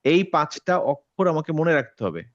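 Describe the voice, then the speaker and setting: A man's voice: on the high side, big pitch swings, brisk, no room sound, dull audio. A man teaching an online recitation class, patiently repeating words to drill pronunciation.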